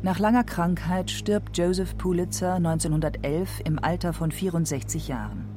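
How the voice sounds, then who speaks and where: A man narrating a radio documentary in a calm, scripted way. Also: sits high, moderate pace, faint music behind.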